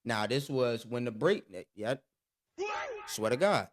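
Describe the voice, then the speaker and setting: A man's voice: medium pitch, slow pace. Laughing man telling a story. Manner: animated storytelling, laughs while talking. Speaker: podcast co-host. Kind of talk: casual chat.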